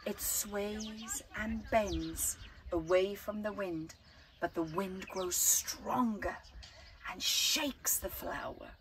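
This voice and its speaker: Birds chirp behind this outdoor recording of a middle-aged woman reading to children in an open gazebo at a flower farm. Her medium-pitched delivery is unhurried and expressive, with deliberate, dramatic pauses between brief phrases, and a little hiss or hum is audible.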